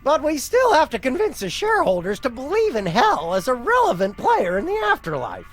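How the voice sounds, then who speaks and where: A grandiose, whiny little prince of hell for a video game. The voice is high and swings dramatically up and down, with petulant melodrama over background music. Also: wildly swooping pitch, brisk, heavily acted. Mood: pompous, businesslike. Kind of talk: video game character acting. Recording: music behind the voice.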